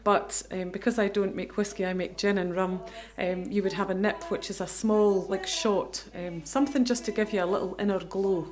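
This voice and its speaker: A woman's voice: mid-range voice, fairly even intonation, normal speed, hardly any pauses, darkish tone. A woman with a northeast Scottish accent, giving an informal guided tour. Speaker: distillery owner and tour guide.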